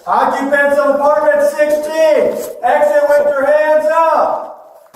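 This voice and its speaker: A man's voice: monotone, slow. A sheriff's deputy, a man, giving firm, repeated police orders through a megaphone outside an apartment building. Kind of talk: police commands to a barricaded apartment. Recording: booming megaphone echo from far off.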